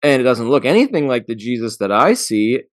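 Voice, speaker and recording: Man, podcast co-host, reflective and probing, medium pitch, dry close mic. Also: very animated, brisk, no echo. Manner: thoughtful, searching, restarts and questions himself. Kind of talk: casual discussion of scripture.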